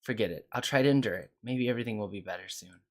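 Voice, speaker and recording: A man's voice: fairly low pitch, rapid-fire, close to an everyday voice. A man reading aloud the lines of a short-tempered young female technical consultant, snappish and complaining. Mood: grumpy. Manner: snappish, complaining, then apologetic. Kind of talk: reading game dialogue aloud.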